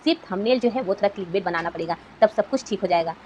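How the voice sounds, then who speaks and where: A woman's voice: mid-range voice, rapid-fire, a little mellow, slight background noise, poor audio. Earnest Hindi-speaking woman YouTuber. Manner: earnest, rhetorical questions. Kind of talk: motivational vlog talk.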